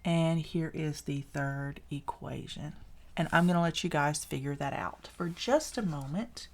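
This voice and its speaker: A woman with a deep voice and a Southern US accent speaks a little slowly. As a math teacher, she leads a casual recorded algebra lesson, keeping it chatty and encouraging while she corrects herself mid-work.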